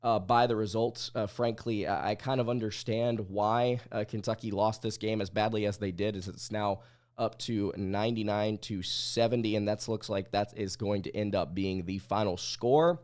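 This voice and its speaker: A man's voice: on the low side, fairly even intonation, normal speed, darkish tone. Under-the-weather man hosting a sports livestream. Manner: blunt, opinionated. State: under the weather, sick-sounding voice. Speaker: podcast host. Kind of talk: live sports commentary livestream.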